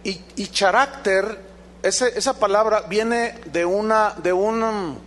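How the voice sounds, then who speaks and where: A man's voice: sits high, slow pace, fairly bright tone. A Mexican man with a Mexican accent, preaching a sermon as pastor, emphatic and quizzing his congregation with rhetorical questions. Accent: Mexican Spanish.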